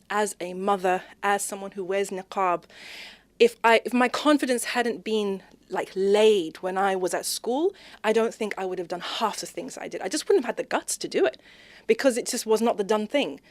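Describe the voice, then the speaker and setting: A woman from Zimbabwe talks expressively as a podcast guest in a conversational interview, keeping a moderate pace that picks up, along with her pitch, when she grows animated. No echo is present.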